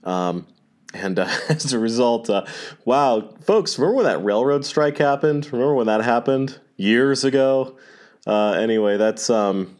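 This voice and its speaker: A man hosting a podcast, speaking hesitantly with many filler pauses over a low-quality recording while recovering from illness. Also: a little mellow. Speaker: podcast host. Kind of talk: casual spoken announcement.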